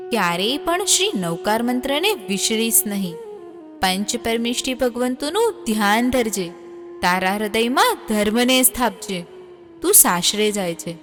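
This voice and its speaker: A gentle queen mother. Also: fairly high pitch. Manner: tender, instructive advice. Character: loving queen mother blessing her daughter. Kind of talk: devotional audio drama. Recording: long reverb, music underneath.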